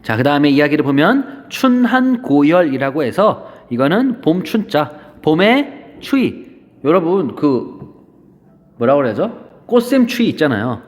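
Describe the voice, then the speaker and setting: A high, animated male teacher walks students through a classical poem and slips into playful everyday retellings as he goes. His pitch swings widely, and a long reverb hangs on every word. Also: moderate pace. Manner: explains the poem with playful modern paraphrases. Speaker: Korean literature teacher. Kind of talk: classroom-style lecture.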